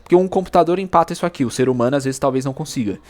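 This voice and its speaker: A man talking through his own chess game in slangy, animated commentary, often exclaiming at the moves. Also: fairly high pitch, racing. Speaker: chess YouTuber.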